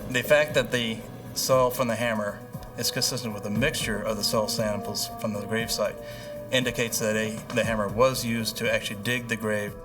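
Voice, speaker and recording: Expert interviewee, man, lowish flat voice, methodical and technical, distant mic, music under. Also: moderate pace.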